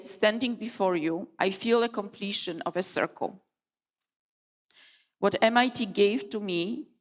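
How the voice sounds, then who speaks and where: A middle-aged woman from Poland giving a formal opening speech at a conference, measured and emphatic with deliberate pauses. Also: medium pitch. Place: large conference hall. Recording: long hall reverb.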